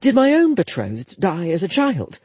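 A man voicing a curious, polite young noblewoman in a softened, raised voice. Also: high-pitched, wildly swooping pitch, moderate pace, husky, no echo, voice pushed up, full character voice.

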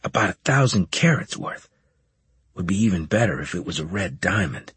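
A man's voice: low voice, sing-song, normal speed, a bit bright, husky, no echo, exaggerated voice. A man doing a sulky young soldier. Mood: griping. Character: grumbling young male soldier, greedy and sulky.

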